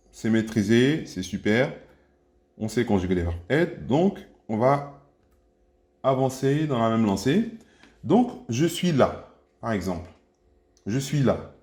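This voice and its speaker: Mellow-voiced man teaching a language lesson. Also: mid-range voice. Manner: patient, encouraging, repeats each phrase slowly. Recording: echoey room.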